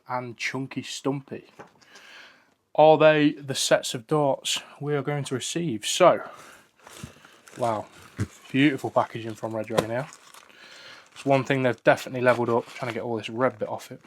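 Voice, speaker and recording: A man reviewing and unboxing darts in a casual, enthusiastic way, often repeating "very, very". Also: mid-range voice.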